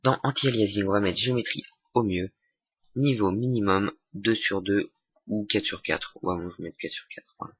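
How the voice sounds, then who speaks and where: A young man giving a casual software tutorial, hesitant with many fillers and restarts. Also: on the low side, moderate pace, slightly rough, no room sound. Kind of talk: casual screen-recorded tutorial. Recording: dull lo-fi desktop mic.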